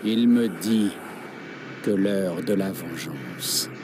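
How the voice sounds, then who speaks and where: Vengeful young warrior prince, video game, low voice, solemn, declamatory, noisy background. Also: male voice, extremely slow, exaggerated voice. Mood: grim, vengeful. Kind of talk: dubbed video game acting. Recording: game audio with clear background noise.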